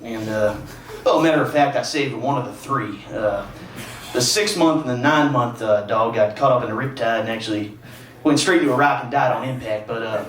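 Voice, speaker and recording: Man doing deadpan oversharing woman. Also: mid-range voice, slight background noise, voice pushed down, close to an everyday voice. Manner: halting, filler-heavy with many "uh"s. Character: woman oversharing a grim dog story, deadpan. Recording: roomy venue with a distant mic and loud crowd.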